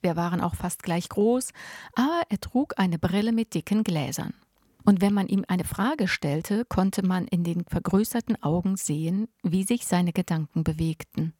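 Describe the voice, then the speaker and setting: A woman narrating a novel in the first person with a lively, expressive reading. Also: on the low side, no echo, clean studio sound. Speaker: audiobook narrator.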